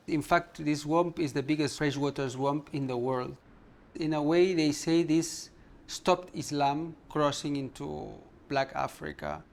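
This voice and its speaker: A man's voice: a little high, creaky. A man giving an explanatory documentary interview, often ending points with a tag question.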